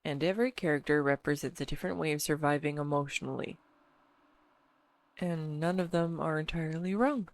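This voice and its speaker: In an intimate audio roleplay, a woman plays an earnest, bashful, talkative girlfriend, addressing the listener directly in a halting, teasing way. Her voice is low-pitched, and she sounds earnest and absorbed.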